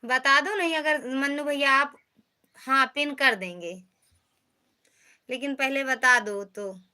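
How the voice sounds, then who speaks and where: Woman, live-stream host; bright, fairly high voice, chatty and teasing as she reads out comments. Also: slow pace. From Uttar Pradesh, India. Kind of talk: casual live-stream chat with viewers.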